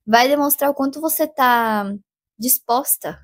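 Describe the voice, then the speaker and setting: A young Brazilian woman with a Brazilian Portuguese accent, chatting casually through advice in a vlog, animated and full of fillers. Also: high-pitched, measured pace. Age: young adult. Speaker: vlogger giving job interview advice.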